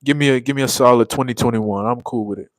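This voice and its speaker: A young livestream host reads out viewer comments in a casual chat, using a laid-back, slangy drawl while yawning and tired after a long day. He talks fast in a medium-pitched voice, and the recording is dry.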